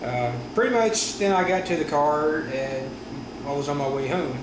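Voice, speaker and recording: Higher-voiced halting man after wisdom teeth surgery. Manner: halting, rambling, frequent self-corrections. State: recovering from wisdom teeth surgery, sore stiff jaw. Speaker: vlogger. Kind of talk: casual personal vlog recounting. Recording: roomy echo with steady room noise.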